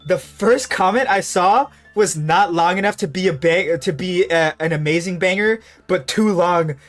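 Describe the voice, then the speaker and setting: A man's voice: sits high, moderate pace, faint music behind. Young man telling rambling stories. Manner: animated, profane, rambling anecdotes. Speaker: streamer. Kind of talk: casual live-stream chat and storytelling.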